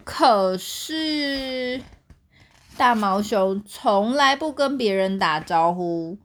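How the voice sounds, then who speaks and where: A young woman with a Taiwanese Mandarin accent reading a picture book aloud to her child at bedtime, in an animated storytelling way. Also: mid-range voice, drawn-out words.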